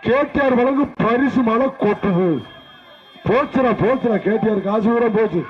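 Male event announcer, very high voice, excited calls over a PA loudspeaker, muffled sound. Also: normal speed. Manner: excited calling out, warnings and jokes. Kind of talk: live bull-taming commentary.

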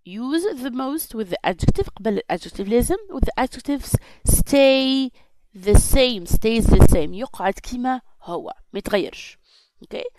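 A Tunisian-accented woman teaches an English class in a fairly high voice. She speaks very slowly and repeats each sentence with care, and the recording is close and dry, with no room sound. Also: expressive, warm tone, no echo, low-quality recording. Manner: repeats sentences slowly and carefully, then translates. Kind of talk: slow classroom explanation, switching between English and Arabic.

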